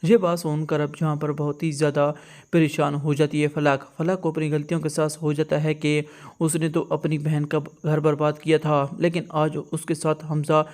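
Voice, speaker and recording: Guy explaining a drama's story, kinda high voice, super flat delivery. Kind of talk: retelling a TV drama plot.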